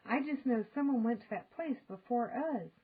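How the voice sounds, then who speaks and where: A woman's voice: a little high, expressive, normal speed, breathy edge, phone-quality sound, voice pushed up. A woman voicing an earnest, cautious young boy in a children's storybook, with a questioning manner. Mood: puzzled.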